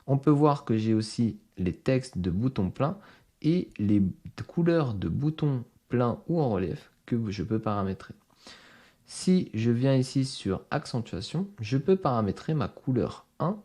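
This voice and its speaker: A man walking viewers step by step through a software screen-recording tutorial as instructor, explaining each setting directly to them. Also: mid-range voice, big pitch swings, unhurried. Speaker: online course instructor.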